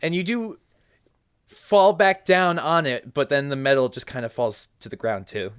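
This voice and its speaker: A man's voice: on the high side, moderate pace, fairly bright tone, clean tone. A young man running a tabletop game as game master, laughing often and swearing casually.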